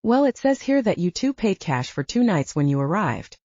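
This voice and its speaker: A woman voicing a polite, fussy older male hotel desk clerk in an audiobook, speaking in a smooth, courteous manner. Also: medium pitch, sing-song, normal speed, warm tone, no echo, lo-fi sound.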